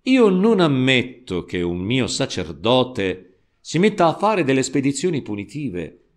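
A solemn, reproving voice of Christ as a man puts him on in a storybook reading. He speaks slowly and gravely, with lively pitch. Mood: stern. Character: stern but kindly Christ speaking from the cross.

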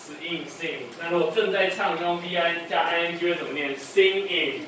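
Speaking fairly quickly in a steady, slightly high voice, a man coaches English phonics one-on-one. He repeats each sound twice and reprimands lapses in attention, and the distant-mic recording has heavy echo and faint noise.

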